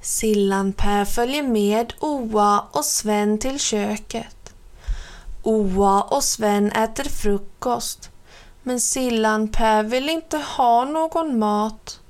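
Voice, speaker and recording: Lady reading a kids' book, gentle, a bit high. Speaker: narrator. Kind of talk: reading a children's book aloud.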